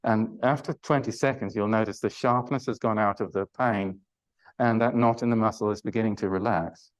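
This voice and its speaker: An older man teaches a Pilates class in a slightly low voice. He talks in a loose, chatty way, full of ums and restarts, and lets out effortful groans while he massages a sore spot. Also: steady tone, moderate pace, low-quality recording. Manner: chatty, hesitant, many fillers and restarts. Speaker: Pilates instructor. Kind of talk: live online exercise class.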